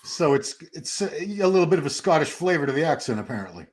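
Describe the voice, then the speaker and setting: A man's voice: fairly high pitch, sing-song, fast, low-quality recording. A man hosting a casual livestream chat, rambling on and asking his guests questions. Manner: rambling, chatty, asks the guests. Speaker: host.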